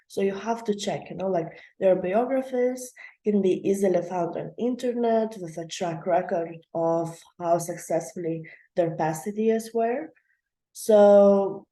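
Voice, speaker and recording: Here the channel host, a young adult woman, talks at medium pitch with a dark tone. She's in an echoey space, explaining things casually while chatting loosely, laughing and filling gaps often.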